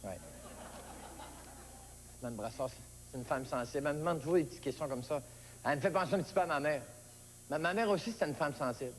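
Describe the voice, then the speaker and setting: A man's voice: rapid-fire, long reverb tail, slight background noise. A man with a Québécois accent performing a comic monologue, telling a childhood story and acting out its characters. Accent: Québécois French. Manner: storytelling, acts out characters with high yelps. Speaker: stand-up comedian.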